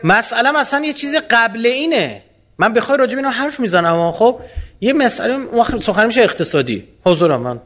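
High-voiced man fielding audience questions. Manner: animated, rhetorical, full of questions to the listener. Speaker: speaker answering audience questions. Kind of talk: colloquial Q&A lecture.

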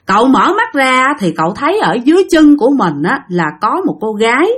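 A woman's voice: on the high side, big pitch swings, a little fast, breathy edge. A woman narrating a ghost story in a chatty way, speaking directly to her listeners.

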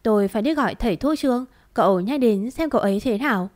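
A woman's voice: on the high side, fast talker, lightly acted. A woman voicing a cold, unruffled older maid. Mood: composed. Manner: flat, unruffled. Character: cold, composed older maidservant.

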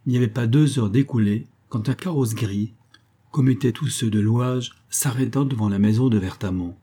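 A man narrating a classic novel for an audiobook at a measured, even storytelling pace. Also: medium pitch, husky.

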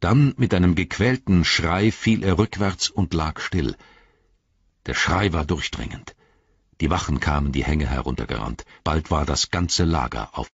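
A man reading an audiobook as narrator, with a measured, dramatic delivery. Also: a bass voice, vocal fry, slightly rough, no room sound, muffled recording. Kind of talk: scripted narration.

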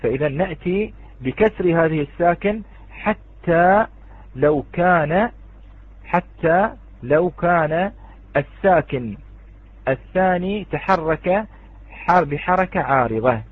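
Man, fairly high voice, husky, patient recitation teacher, repeats words, tinny phone-like audio. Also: expressive, slow, pauses often. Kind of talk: online tajweed lesson.

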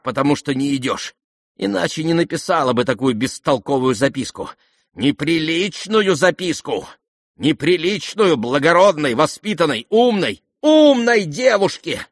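A man voicing an irascible aristocratic older woman who scolds and shouts imperiously in an audiobook. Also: fairly high pitch, lively intonation, moderate pace, dry recording, clean studio sound, pitched above the performer's own voice. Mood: agitated. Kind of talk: audiobook character voice.

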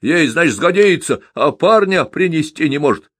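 Drunk, blustering village peasant in an audiobook, read by a man; loud, swinging, slurred. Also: a little high, lively intonation, moderate pace, no echo, pitched above the performer's own voice. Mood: drunken rant.

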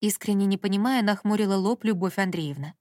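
A woman narrating a story in a calm, even audiobook reading. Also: mid-range voice, fairly quick, no echo, studio quality.

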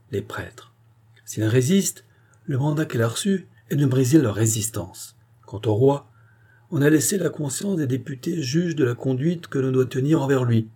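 Husky, dark-voiced male audiobook narrator. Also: medium pitch.

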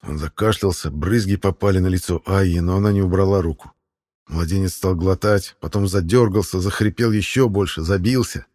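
A man's voice: sits low, brisk, clean studio sound. Man narrating a fantasy audiobook. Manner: steady storytelling read. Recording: long hall reverb.

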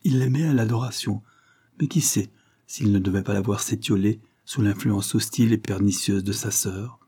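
Low-pitched and slightly breathy, a male narrator reads from a novel for an audiobook. He keeps his storytelling steady and measured.

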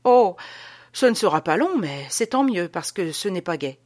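A mild, troubled gentleman in a spoken storybook, played by a woman reader. He confides softly and gently, close to a plain reading voice. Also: on the low side, sing-song, moderate pace. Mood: confiding. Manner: soft, confiding. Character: gentle, troubled middle-aged man dreamer.

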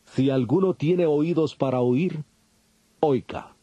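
A man playing Jesus as a calm, authoritative teacher, speaking in measured, solemn phrases for a dramatized audio Bible. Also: a little high, breathy edge, dry recording. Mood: solemn teaching. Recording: dull, band-limited audio with music.

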